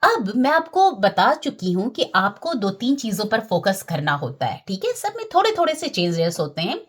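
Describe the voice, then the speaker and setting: A woman teaching Quran recitation rules, repeating key terms, checking in with her listeners and drawing out recited words slowly. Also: medium pitch, big pitch swings. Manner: slows down and draws out recited Arabic words. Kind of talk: tajweed lesson.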